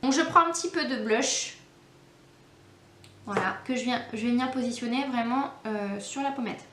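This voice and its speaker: A woman's voice: a little high, moderate pace, noisy background. A woman giving a casual makeup tutorial, chatty and hesitant, with many fillers. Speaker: beauty vlogger. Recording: echoey room, faint background music.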